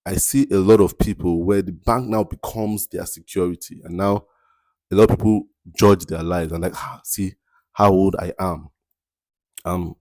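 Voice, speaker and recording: In a dry, close recording with no echo, a man with a very low, mellow voice hosts a motivational podcast. He leans on repetition, draws out his emphasis, slows down to drive points home, and keeps asking "you understand?"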